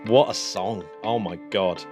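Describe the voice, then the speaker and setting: A man's voice: fairly low pitch, unhurried, darkish tone, soft background music. A man hosting a podcast, chatting in an upbeat, casual way and laughing easily. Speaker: podcast host. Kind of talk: casual chat.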